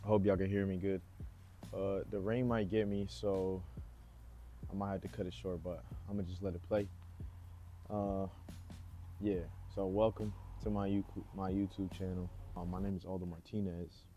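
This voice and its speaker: A man's voice: deep voice, moderate pace, a little hiss or hum. A man, rambling casually outdoors as he introduces himself in a vlog. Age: 20s. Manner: relaxed, rambling, lots of fillers. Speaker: vlogger. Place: outdoors, rain nearby.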